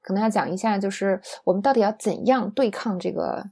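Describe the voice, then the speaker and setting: A woman teaching English in Mandarin, explaining patiently and repeating example sentences slowly, often asking listeners to agree. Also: mid-range voice, dark tone, husky.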